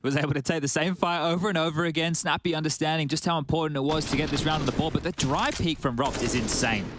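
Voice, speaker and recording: Male esports analyst-caster, rapid delivery, slightly high voice, colour commentary. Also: a bit bright, dry recording.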